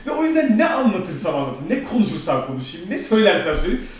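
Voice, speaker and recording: A young man hosting a casual chat who calls himself excitable and short-tempered, talking loudly and swearing freely. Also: high voice, quick pace. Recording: very echoey room, away from the mic.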